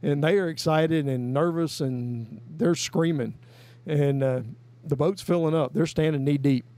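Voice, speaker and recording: A man's voice: a little high, unhurried, warm tone, dry recording. A man, telling a long story in a folksy, rambling way as a guest. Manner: folksy, rambling, with many "I mean" and "you know". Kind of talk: casual storytelling.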